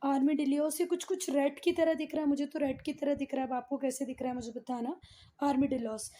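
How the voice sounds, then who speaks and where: Fairly quick and mellow, with a high voice and steady tone, a woman teaches a geography class. She mixes English into her Hindi, stresses key words through repetition, and affectionately checks her pupils with questions.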